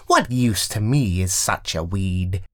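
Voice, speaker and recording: Man putting on slow hushed scheming woman. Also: low voice, animated, full character voice. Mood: cold. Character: scheming woman, cold and secretive.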